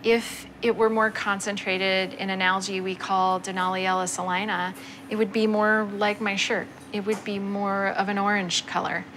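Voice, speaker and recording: A woman's voice: medium pitch, flat delivery, normal speed, a bit bright, a little hiss or hum, low-quality recording. A woman speaking as a scientist, explaining her research in an unscripted documentary interview. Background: music under the voice.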